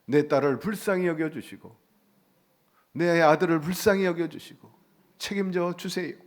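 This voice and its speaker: A man's voice: a little high, normal speed. A man preaching a sermon as pastor in a church, emphatic, with rhetorical questions and rising exclamations. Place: church sanctuary.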